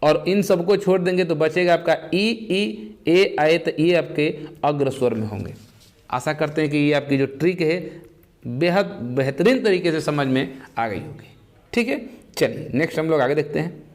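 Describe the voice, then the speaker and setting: A man's voice: a little high, animated, moderate pace. A man teaching an exam-prep lesson, who asks the class questions and answers them himself, repeating the key terms step by step.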